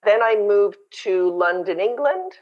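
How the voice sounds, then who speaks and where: A woman raised in Canada, a podcast guest and company founder, chatting and telling lively stories over a remote call. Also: mid-range voice, measured pace, muffled recording. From born in South Africa, raised in Canada. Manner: chatty, storytelling, animated. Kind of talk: casual interview chat. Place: home in Brazil, remote call.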